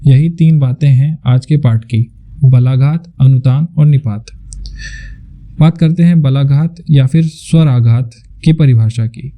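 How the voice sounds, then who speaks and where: Give me a man reading a lesson script, measured and clear, with a warm, dark voice. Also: medium pitch. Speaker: teacher.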